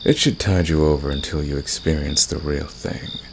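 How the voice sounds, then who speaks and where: Acting as a smug, seductive villain, a man speaks in an extremely deep, gravelly, creaky voice at normal speed with fairly even intonation. He teases and flirts intimately, ASMR romance style, with soft chuckles and a protective streak, while crickets and night sounds are clearly heard behind him.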